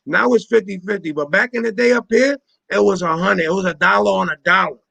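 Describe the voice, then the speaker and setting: Gravelly high-pitched man in his forties. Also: brisk, bright, forceful tone, dry recording. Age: 40s. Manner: emphatic, repeats phrases, street slang. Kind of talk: casual political panel chat.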